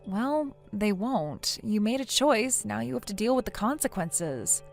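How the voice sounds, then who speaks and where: A woman's voice: medium pitch, lively intonation, a little slow, creaky, soft background music. A synthetic female voice playing a blunt friend who lectures in a stern tone. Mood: scolding.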